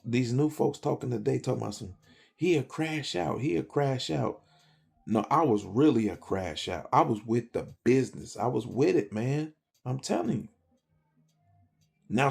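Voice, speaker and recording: Gravelly, husky man telling his story. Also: medium pitch, a little mellow. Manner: emphatic, slangy, rambling storyteller. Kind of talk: personal testimony to camera. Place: speaking to a camera.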